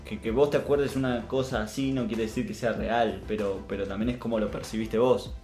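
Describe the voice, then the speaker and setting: Man, low voice, teasing skeptic in casual chat, faint music under. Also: fairly even intonation, fairly quick, a little mellow, roomy sound.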